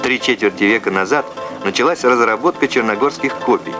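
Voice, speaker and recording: A man's voice: mid-range voice, a little fast. A man reading scripted narration in the manner of an old Soviet newsreel. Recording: old film soundtrack with loud music. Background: loud music.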